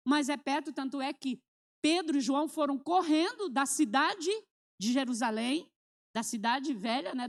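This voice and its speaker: A woman pastor with a Brazilian Portuguese accent preaching a sermon in church, calling out to the congregation and moving between loud exhortation and soft storytelling. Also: sits high. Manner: preaching with call-and-response to the congregation. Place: church sanctuary.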